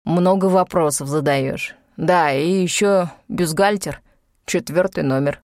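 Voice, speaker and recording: A woman's voice: lowish voice, a little slow, a little mellow, no room sound, studio quality. A woman reading an audiobook and voicing a curt, commanding young man who grumbles and gives orders. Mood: bossy. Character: gruff bossy young man, secretive and impatient. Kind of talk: audiobook character voice.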